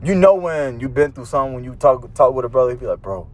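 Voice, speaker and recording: A man's voice: medium pitch, quick pace, a little mellow. A man leading a casual bible discussion, emphatic and preachy, mixing in street slang. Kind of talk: casual bible study chat.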